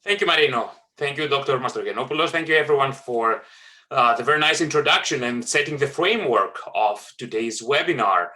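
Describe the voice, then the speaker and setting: Bright-voiced man presenting a webinar. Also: medium pitch, expressive. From Greece. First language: Greek. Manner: earnest, halting with many fillers and restarts. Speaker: webinar trainer.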